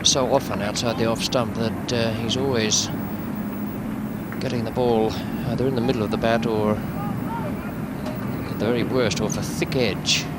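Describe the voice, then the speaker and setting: A man giving measured, understated live cricket commentary with unhurried, sparing remarks. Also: mid-range voice, very animated. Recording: 1970s broadcast, loud crowd noise. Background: noisy outdoor cricket crowd.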